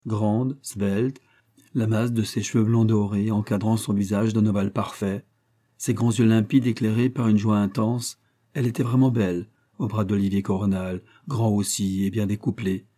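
Low, mellow male audiobook narrator. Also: steady tone. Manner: measured, literary storytelling. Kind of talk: scripted narration.

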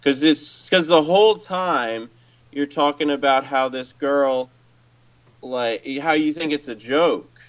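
A man's voice: a little high, slow, lo-fi sound. A man hosting a casual talk, giving dating advice in a thoughtful, hedging way. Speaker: host, dating coach.

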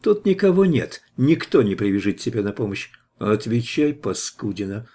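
A man reading an audiobook voices a steady, tough hero who interrogates a captive in a firm, measured way. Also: lowish voice.

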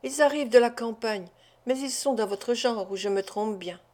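A woman reading an audiobook, voicing a male tavern servant who speaks in a hushed, secretive way. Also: a little high, normal speed, natural voice.

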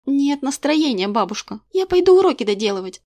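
A woman's voice: high voice, sing-song, a little fast, a little mellow, dry recording, pitched above the performer's own voice. A woman voicing a sulky, defiant teenage girl who answers in short grumbling replies while reading a story aloud. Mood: dismissive.

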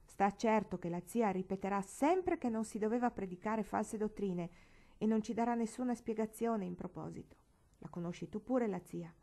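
A woman's voice: medium pitch, moderate pace, mellow, pitched above the performer's own voice, close to an everyday voice. A woman voicing an earnest, anxious young girl in a storybook, speaking in a pleading, somewhat dramatic way.

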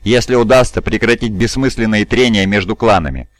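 A man's voice: lowish voice, a little fast, no echo, natural voice. A man voicing a huge, stern male bodyguard warrior who talks bluntly and firmly.

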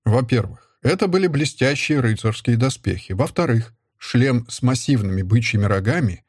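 A man narrating a story in the first person, steady and even. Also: mid-range voice, moderate pace, breathy edge, no echo, clean studio sound. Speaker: audiobook narrator. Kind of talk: scripted narration.

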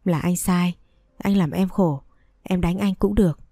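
A woman narrator gives voice to a feverish young husband begging forgiveness in a storybook reading. He speaks softly and pleadingly in a low, warm voice, recorded dry and close. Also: fairly even intonation, a little slow, no echo. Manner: soft pleading. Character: sick remorseful young man pleading with wife.

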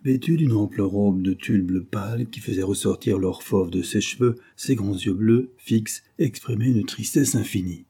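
Dark, husky male audiobook narrator. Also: on the low side, moderate pace, hardly any pauses. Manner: steady storytelling. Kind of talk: scripted narration of a French adventure novel.

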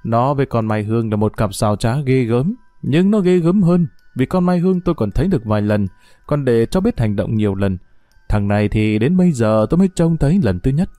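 A man voicing a sharp, intense young male detective who talks urgently and confidently. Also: mid-range voice, animated, fairly quick, no room sound, faint music behind, lightly acted. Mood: scheming.

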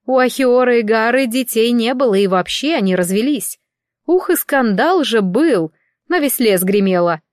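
A woman voicing a wary exiled horned forest woman who speaks calmly and sharply. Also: on the high side, moderate pace, no echo, clean studio sound, natural voice. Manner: calm, sharp-tongued.

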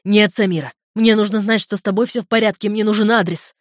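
Brief: woman doing a loud, swearing protective brother, insistent, dry close sound. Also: medium pitch, fairly even intonation, fast, no echo, lightly acted. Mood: furious. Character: furious protective older brother on phone.

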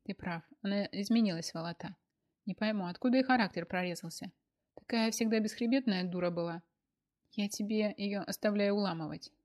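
A woman's voice: mid-range voice, a little fast, a little mellow, lightly acted. A woman voicing a scheming young woman who blackmails her former friend, with a hissing, mocking delivery. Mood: contemptuous.

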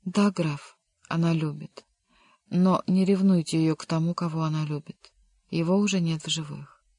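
A grave, loyal servant consoles his master in low, subdued tones, as an audiobook reader puts him on. The delivery is flat and measured, recorded dry and close. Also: no echo, close to an everyday voice. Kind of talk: audiobook reading.

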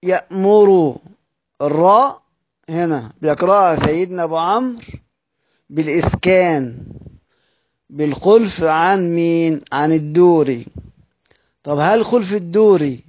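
A man with an Egyptian Arabic accent teaches Quranic readings. He asks his students questions, answers them himself, and draws out each recited word slowly. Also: high-pitched.

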